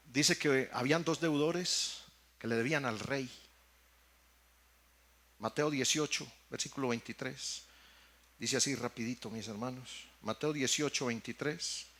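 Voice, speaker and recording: A man's voice: mid-range voice, measured pace, long pauses, fairly bright tone. A man with a Mexican Spanish accent preaching a sermon, speaking straight to his congregation and repeating phrases for emphasis. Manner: preaching with emphatic repetitions, addressing the congregation as brothers. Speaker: pastor.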